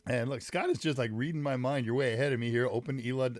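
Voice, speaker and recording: A livestream host runs a casual tech stream, greeting chat viewers by name, rambling a little and using plenty of fillers. A summer cold leaves his voice slightly deep and congested, and he talks fast. The mic sits some distance away, with no echo.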